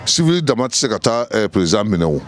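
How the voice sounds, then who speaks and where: In a courtyard street interview, a middle-aged Malian man shares his view emphatically, hesitating often, into a handheld mic the interviewer holds. His accented voice is fairly low, sing-song and fast, with soft music in the background.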